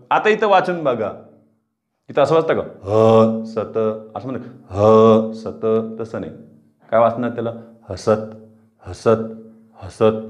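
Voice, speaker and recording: A man teaching a pronunciation lesson, repeating words aloud slowly, stretching out sounds and answering his own questions. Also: on the high side. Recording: slightly dull lo-fi sound.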